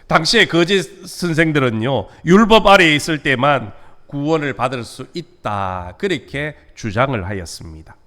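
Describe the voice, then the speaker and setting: A man preaching a midweek sermon as pastor, lifting his voice on key words and letting sentence endings fall away softly. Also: medium pitch, lively intonation, normal speed, few pauses. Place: church sanctuary.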